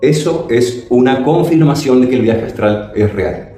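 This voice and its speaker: A man telling a spiritual personal story dramatically, his pitch swooping and his phrases slow and drawn out. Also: warm tone, soft background music. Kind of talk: personal testimony. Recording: very echoey room.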